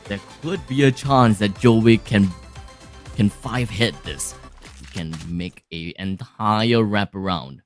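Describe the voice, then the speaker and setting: A man's voice: lowish voice, slow, soft background music. A man casting an esports match live, dramatic and fond of repeating phrases for emphasis. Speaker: esports caster. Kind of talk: live esports play-by-play commentary.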